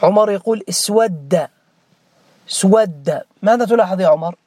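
High-voiced teacher quizzing his students. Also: moderate pace, darkish tone, no echo. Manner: questioning, drills students by name, repeats key words. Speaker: Arabic morphology teacher. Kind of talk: interactive grammar lesson.

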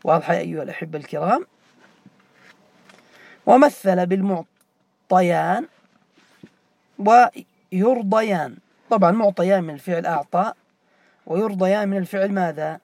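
High, gravelly male teacher quizzing students. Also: normal speed, long pauses, darkish tone, no echo. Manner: quizzes students by name, repeats key forms. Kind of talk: classroom grammar lesson.

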